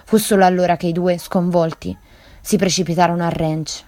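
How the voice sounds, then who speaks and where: A woman reads a story on a radio literature programme, measured and dramatic. Her voice sits low, and the sound is dry and close. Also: steady tone, warm tone, no room sound. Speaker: radio literature show reader. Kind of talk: reading a story aloud.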